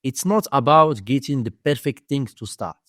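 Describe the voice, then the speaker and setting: A medium-pitched, fairly bright male voice carries a Moroccan accent, with no room sound. During a dry-sounding interview, this domain investing teacher tells stories in halting, repetitive non-native English.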